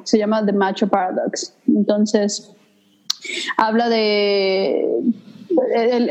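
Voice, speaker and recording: A woman from Mexico City speaks in a relaxed, unscripted chat with a Mexico City accent. She talks thoughtfully and searches for her words, filling pauses with hesitant little sounds. Her pitch sits in the middle of a woman's range. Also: poor audio. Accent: Mexico City Spanish. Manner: thoughtful, hesitant, many fillers. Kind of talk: casual conversation.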